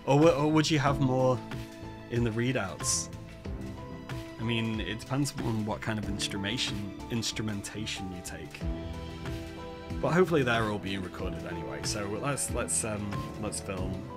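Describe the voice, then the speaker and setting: Chatty Mancunian man, fairly low voice. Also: moderate pace. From Manchester, England. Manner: chatty, self-mocking asides between read passages. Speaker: host, palaeontologist. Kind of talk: reading a text adventure aloud with casual chat. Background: background music.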